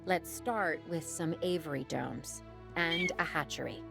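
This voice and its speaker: A woman's voice: sits low, a little slow, vocal fry, music in the background. An actress voicing a determined, wry woman who runs a dinosaur operation, in video game dialogue. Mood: steady.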